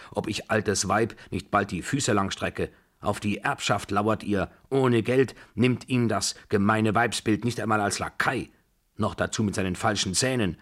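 A man voicing an imperious, quick-tempered old grandmother in a radio drama reading, scolding and giving orders. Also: fairly low pitch, fairly bright tone. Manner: scolding, commanding, abrupt.

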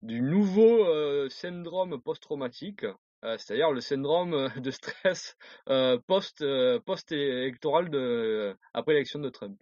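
A man co-hosting a casual talk show, speaking in halting bursts full of filler pauses and restarts. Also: fairly high pitch, expressive, darkish tone, no echo, muffled recording. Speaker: co-host of an online talk show. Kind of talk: casual chat.

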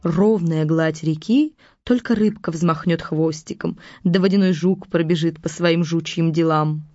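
A woman tells a fairy tale in a lively way, her voice sitting on the low side. The recording is dry and close, with a dull, muffled tone. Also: unhurried, dry recording, soft background music. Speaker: storyteller.

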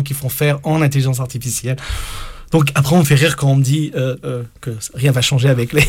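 A man's voice: fairly high pitch, darkish tone. Hesitant man hosting a radio chat. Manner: hesitant, many fillers and restarts. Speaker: radio show host.

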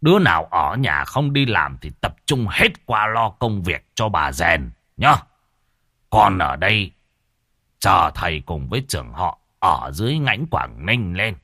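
A man's voice: sits low, sing-song, unhurried, pushed and bright, dry recording, studio quality, exaggerated voice. A man voicing an elderly village elder, giving clipped, bossy orders. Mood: commanding.

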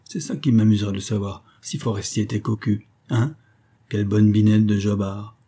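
A man's voice: fairly low pitch, steady tone, normal speed, mellow, breathy edge. A man reading a storybook, voicing a jealous young husband who keeps pressing his wife with insistent, taunting questions.

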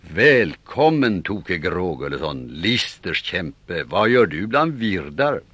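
A man voicing a stern male Viking seafarers' chief, calling out loudly. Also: sits low, very animated, breathy edge, dry recording, heavily acted. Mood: steady. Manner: stern, raised calls.

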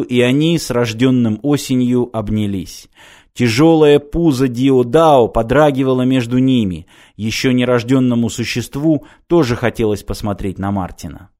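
A man reading a science fiction audiobook in a steady, measured narration. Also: medium pitch. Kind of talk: scripted narration.

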